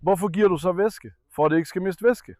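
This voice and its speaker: A young man caring for a sick puppy on camera, earnest with viewers and coaxing softly with the dog. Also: high voice, no echo, clean studio sound. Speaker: animal caretaker and channel host. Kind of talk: casual vlog explaining care of a sick puppy.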